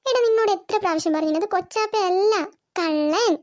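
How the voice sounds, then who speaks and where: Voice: very high voice, fairly quick, darkish tone. A firm, scolding cartoon mother. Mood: firm, reassuring. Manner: firm, scolding, then soothing. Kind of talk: cartoon voice acting.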